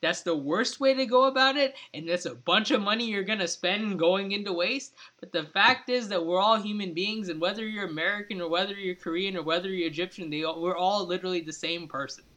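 A man co-hosting a casual politics podcast, debating with real passion. His voice sits high and sounds bright and forceful. He rambles, circling back with "like" and "I mean". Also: fairly quick, few pauses. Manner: impassioned, rambling, many "like" and "I mean" fillers. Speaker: podcast co-host.

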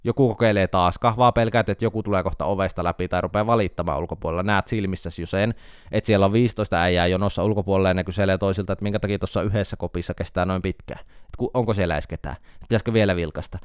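A man's voice: low-pitched, clean tone, no room sound, clean studio sound. A man hosting a podcast, telling a self-mocking comic story in a casual monologue. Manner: wry, self-mocking storytelling with animated outbursts. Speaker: podcast host.

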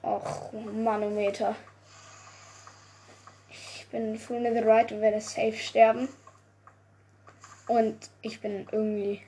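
A young woman giving casual gameplay commentary, excitable, often swearing, groaning and exclaiming. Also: a little high, slow, pauses often. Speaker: gaming video creator.

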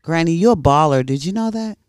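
A man's voice: a little high, lively intonation, fast talker, clean tone, no echo, studio quality. A man on a podcast asking upbeat, teasing questions in casual chat.

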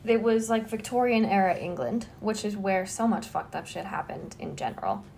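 A young adult woman hosts a podcast, telling a true-crime case as casual, conversational storytelling full of "like" fillers. Her medium-pitched voice is creaky and darkish, with lively intonation at a moderate pace, and there's a little hiss or hum.

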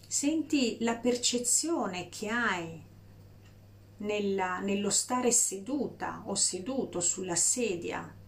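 A woman guiding a breathing meditation in a slow, soft, soothing voice with long pauses. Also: mid-range voice, animated, creaky. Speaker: meditation guide.

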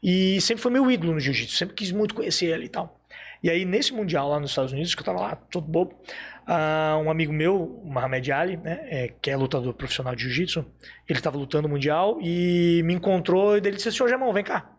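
A man from Brazil telling stories in casual chat, animated and acting out the dialogue he recounts. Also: a little high, quick pace. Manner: animated storyteller, acts out quoted dialogue. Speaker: podcast guest telling stories.

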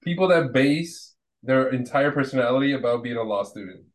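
A man's voice: mid-range voice, expressive, brisk. A young man just out of law school, co-hosting a podcast and griping in casual chat. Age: young adult. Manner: laughs along, short agreeing echoes. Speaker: podcast co-host.

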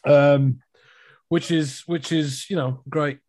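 Chatty Northern English man, fairly high voice. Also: steady tone, slow pace, a little mellow. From Northern England. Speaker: actor. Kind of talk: casual chat.

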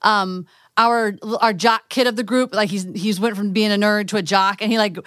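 A woman's voice: medium pitch, steady tone, normal speed, a bit bright, smooth, dry recording. Woman co-host, close dry sound. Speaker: podcast co-host. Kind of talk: casual pop-culture chat.

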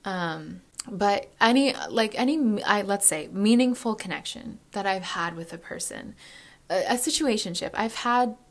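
A woman's voice: medium pitch, expressive, a little slow. A woman in her early twenties, chatting candidly to camera as a vlogger, rambling and full of fillers as she thinks aloud. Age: early 20s. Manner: candid and reflective. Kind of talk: casual confessional chat.

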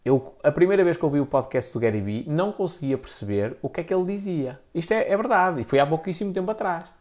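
A content creator with a European Portuguese accent gives an audience blunt, slangy, opinionated business advice, often repeating himself for emphasis. His voice is a little high and darkish in tone, expressive and quick.

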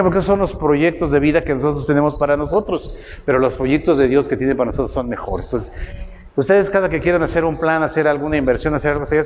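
Mexican male preacher, middle-aged, slightly high voice, folksy sermon with long hall echo. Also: darkish tone, slight background noise. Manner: folksy storytelling, voices quotes with rising pitch, tag questions. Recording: roomy hall with faint ambience.

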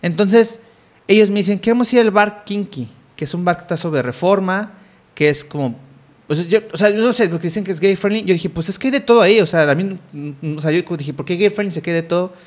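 A man's voice: sits high, fast. A young man with a Mexican Spanish accent, telling a story in casual chat, rambling with many fillers and restarts.

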